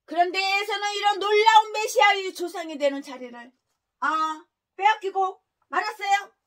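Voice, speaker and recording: Very high, bright-voiced woman preacher scolding. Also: moderate pace. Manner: scolding, crude insults and rhetorical questions. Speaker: pastor. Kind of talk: expository sermon.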